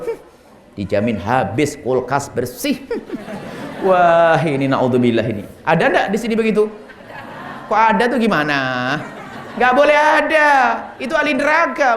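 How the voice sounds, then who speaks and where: A male preacher answers questions in a sermon, with a fairly high voice. He talks in a lively, teasing way with the audience. The sound echoes around a large hall. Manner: lively, acts out husband and wife dialogues.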